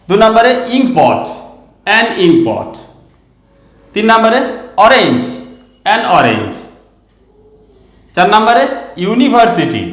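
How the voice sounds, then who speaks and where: Male Bengali-accented teacher, slow, deliberate dictation, high voice. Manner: slow, dictating example sentences and asking questions. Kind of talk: grammar lesson. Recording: echoey room.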